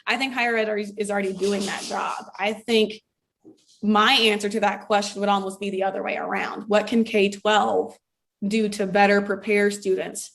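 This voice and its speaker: A woman's voice: mid-range voice, little pitch movement, normal speed, creaky, a bit bright. A young adult woman from Ohio, a former elementary school teacher, speaking earnestly and reflectively as an interview guest. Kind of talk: conversational interview.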